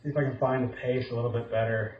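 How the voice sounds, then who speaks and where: A middle-aged man talks through his own golf shots like a casual commentator, low-key and hard on himself. His medium-pitched voice sits in a roomy indoor echo, a little dull, with faint noise behind it. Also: steady tone, fast talker. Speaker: golfer narrating his own simulator round. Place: indoor home golf simulator room.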